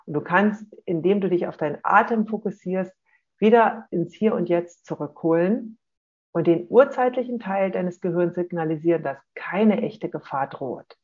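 A parenting coach giving a calm, explanatory talk to parents and often checking in with a short "ja?". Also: medium pitch, moderate pace. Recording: dull lo-fi recording.

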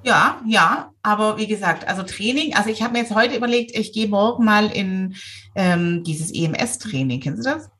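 A middle-aged woman from Swabia with a Swabian German accent, chatting casually, lively and self-mocking, laughing often. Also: mid-range voice, moderate pace. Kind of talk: casual chat.

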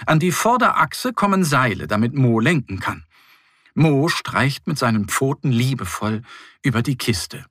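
A man narrating a scripted children's story in a gentle, expressive reading style. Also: mid-range voice, unhurried, no echo, clean studio sound.

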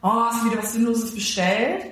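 Animated woman telling a story in an echoey room. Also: a little high, fairly quick. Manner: lively storyteller who acts out quoted dialogue. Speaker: podcast co-host. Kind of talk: casual storytelling chat.

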